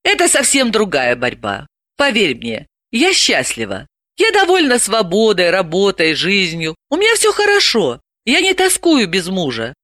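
A woman reading an audiobook, voicing a tired, measured woman psychologist in her thirties. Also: medium pitch, wildly swooping pitch, fairly bright tone, no echo, studio quality. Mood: weary.

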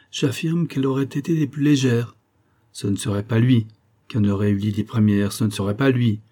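A wounded colonel pleading his case with earnest warmth from a sickbed, as a man reads him in a storybook. The voice is dark and husky, low in brightness and clarity. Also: lightly acted.

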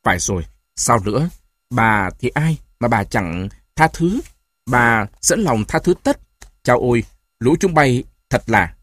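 A hoarse, hot-tempered old grandfather, put on by a male audiobook narrator, shouting in sudden bursts of rage and then turning bitter and tearful. His voice swings widely in pitch and rises sharply when he yells. The storybook recording is close and dry. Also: sing-song, a little slow, dry recording.

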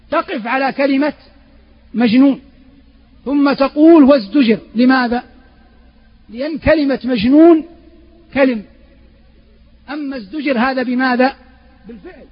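A man's voice: very high-pitched, breathy edge, muffled recording. A male preacher teaching Quran commentary. He asks his listeners questions and answers them himself, and he chants the verses as he quotes them. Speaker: Islamic preacher.

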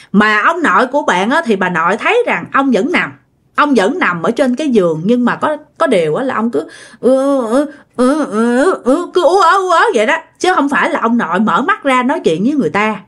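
A woman's voice: a little high, breathy edge. A woman with a Southern Vietnamese accent telling a ghost story in a chatty way, talking directly to her listeners.

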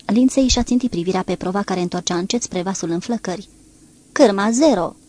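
A woman narrating an audiobook in a steady, even-paced reading voice, lifting her voice a little for shouted dialogue. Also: fairly low pitch.

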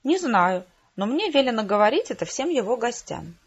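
A squeaky, starstruck young assistant who gushes shyly at her hero, as a woman reading aloud puts her on. The voice is husky and breathy underneath. The recording sounds a little dull and muffled. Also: very animated, normal speed, full character voice. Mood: eager. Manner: squeaky, gushing, shy. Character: eager timid young female assistant, starstruck.

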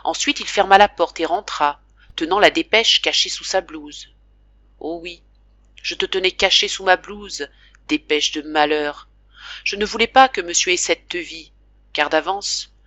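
A woman reading a classic novel aloud as audiobook narrator, in a slow, emotive, dramatic manner. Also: lowish voice, sharp tone, no room sound. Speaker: audiobook reader.

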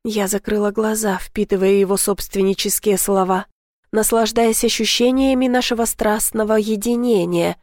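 Brief: female audiobook narrator, soft intimate first-person romance reading, dry close voice. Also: mid-range voice, steady tone, normal speed, dry recording.

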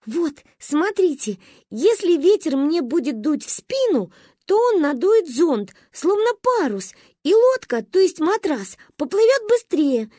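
Picture a bold, excitable little girl, her voice shooting far up into a shrill register. She swoops wildly in pitch as she speaks, and she wails when upset. It sounds close and dry. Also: measured pace, no echo, exaggerated voice. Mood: excited.

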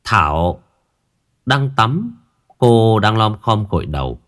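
A man's voice: lowish voice, big pitch swings, takes it slowly, a bit bright. A man narrating a ghost story in a dramatic, suspenseful way. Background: faint music.

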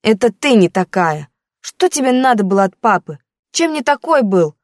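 Woman doing a shrill tearful teenage girl yelling at her mom, high and bouncy, dry close sound. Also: sing-song, normal speed, dry recording, lightly acted. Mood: tearful, accusing. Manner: shouting, accusing, on the verge of tears.

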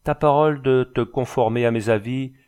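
A man's voice: mid-range voice, normal speed, darkish tone, smooth, pitched above the performer's own voice, natural voice. A man doing a sing-song Flemish bandit chief. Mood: coolly threatening. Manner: sing-song, smiling, commanding. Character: smooth, menacing male bandit chief, tall, cold.

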